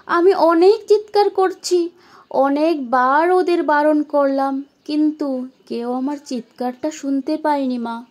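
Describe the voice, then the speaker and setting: Woman performing a young woman's spirit: high voice, slow and pleading, tearful emotional monologue. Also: darkish tone. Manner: pleading, tearful, addressing her mother. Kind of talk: emotional first-person monologue.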